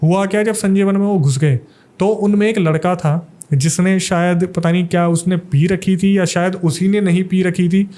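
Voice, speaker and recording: A man's voice: sits high, fairly even intonation, moderate pace, mellow. A young man from Delhi, a paranormal investigator, telling a suspenseful ghost story in a casual podcast interview.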